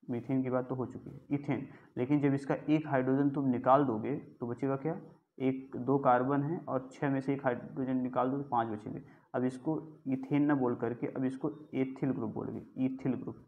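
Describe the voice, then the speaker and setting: A man teaching a chemistry class in a lecture style, asking questions and answering them himself. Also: medium pitch. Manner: explains step by step, asks and answers his own questions. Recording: tinny phone-like sound.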